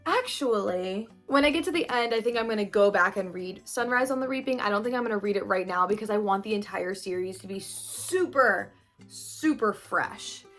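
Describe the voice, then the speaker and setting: A woman's voice: mid-range voice, moderate pace, fairly bright tone, soft background music. A woman in her twenties chatting casually in a book vlog, upbeat and thinking aloud with lots of "like"s. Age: 20s. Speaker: booktuber.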